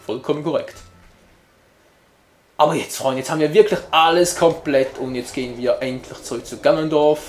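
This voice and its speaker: A man's voice: fairly high pitch, steady tone, normal speed, roomy sound. A man giving casual, jokey gameplay commentary as a let's player, chatting to his viewers.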